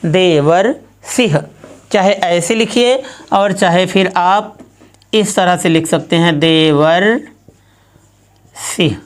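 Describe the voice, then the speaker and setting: Woman teacher talking thru grammar super slowly, step by step, says everything twice. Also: fairly low pitch. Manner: slow, methodical, repeats each step. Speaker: Sanskrit teacher.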